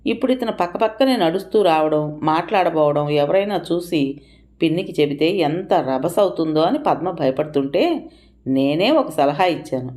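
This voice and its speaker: A woman reads a story aloud as an audiobook narrator. Her voice is low-pitched and she tells it expressively, lifting her tone for quoted speech. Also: expressive, moderate pace, warm tone.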